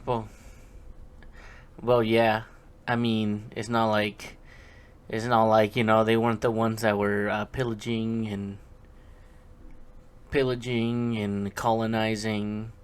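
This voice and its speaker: A man's voice: on the low side, little pitch movement, takes it slowly, long pauses, smooth. A man casually reading a film script aloud in a rambling, chatty way, with many fillers and asides to himself. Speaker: hobby script reader.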